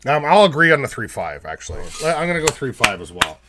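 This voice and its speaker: A man's voice: medium pitch, fast talker. A man co-hosting a podcast in casual chat over drinks, telling stories with lots of swearing. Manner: profane, animated storyteller. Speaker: podcast co-host.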